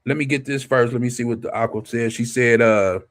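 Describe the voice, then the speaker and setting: On a casual scripture study stream, a man teaches by reading scripture aloud and preaching informally to people online, asking rhetorical questions and supplying the answers. His medium-pitched voice is fairly even in intonation and brisk.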